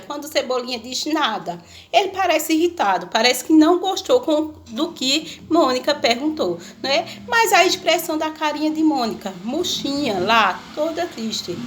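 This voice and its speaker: A woman's voice: high voice, a bit bright. A woman teacher giving a remote lesson to a class of children, explaining patiently and often checking in with the students.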